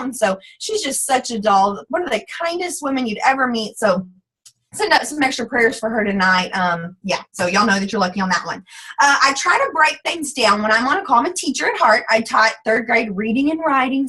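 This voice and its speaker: A Southern woman talks quickly and eagerly to her team over a video call. Her voice is slightly high and husky. She packs in fillers and rushes along without pausing. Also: fairly bright tone, low-quality recording. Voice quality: fast, bubbly, says "like" a lot. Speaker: guest speaker. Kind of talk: casual team call talk.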